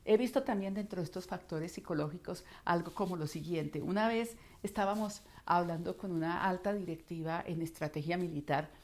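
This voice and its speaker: A middle-aged Colombian woman giving an expressive talk as a voice coach, acting out voices in her stories. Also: fairly low pitch, brisk, hardly any pauses. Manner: expressive, acts out voices in anecdotes. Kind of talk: instructional talk.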